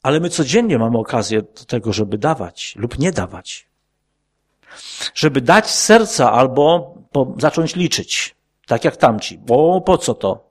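A man preaching an earnest sermon to his congregation, asking rhetorical questions and dropping his voice low for quoted words. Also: sing-song, a little slow, husky.

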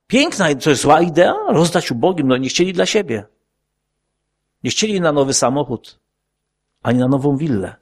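A man preaching an earnest sermon to his congregation, asking rhetorical questions and dropping his voice low for quoted words. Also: expressive, moderate pace, long pauses, husky.

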